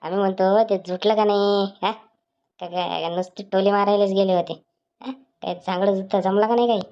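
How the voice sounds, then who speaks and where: A woman's voice: mid-range voice, fairly even intonation, moderate pace, dull audio, lightly acted. A woman voicing a cheeky, nosy village schoolboy in a cartoon who teases an older man. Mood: teasing. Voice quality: teasing, needling.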